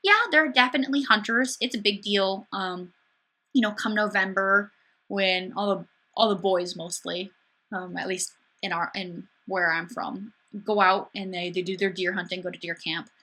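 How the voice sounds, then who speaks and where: A woman's voice: mid-range voice, fairly even intonation, normal speed, pushed and bright. A young woman from Wisconsin hosting a casual webcam livestream, chatty and upbeat, reading out viewer comments and answering them with sarcastic asides. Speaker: livestream host. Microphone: webcam mic.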